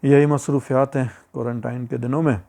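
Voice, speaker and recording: Pakistani Urdu-accented male vlogger, gravelly and flat, chatty and advising, repeats points. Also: medium pitch, fairly quick. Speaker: YouTuber giving immigration advice. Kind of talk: casual advice vlog.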